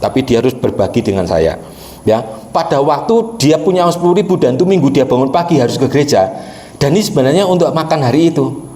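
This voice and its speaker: A man preaching a story-driven sermon at a middle pitch. He keeps turning to the congregation to address them directly. His voice rings out in a roomy, echoing space. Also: lively intonation, quick pace, warm tone. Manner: addresses the congregation often as brothers and sisters. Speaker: pastor.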